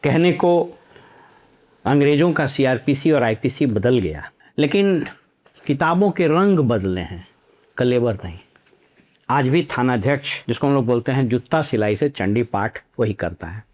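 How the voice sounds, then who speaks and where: A middle-aged former civil servant from Nalanda district in Bihar tells stories packed with proverbs and anecdotes. His medium-pitched voice is animated and a little mellow, and his pace stays measured.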